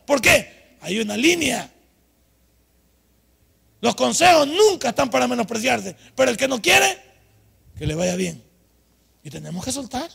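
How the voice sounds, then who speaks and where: An older man preaching a humorous, scolding sermon at a night vigil, with sudden loud outbursts. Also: high-pitched, big-room sound. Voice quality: raspy, gravelly. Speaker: pastor.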